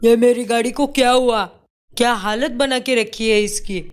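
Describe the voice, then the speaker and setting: A woman's voice: medium pitch, normal speed, close to an everyday voice. A woman voicing a short-tempered young husband in a cartoon story, scolding sharply. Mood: angry. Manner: angry, scolding.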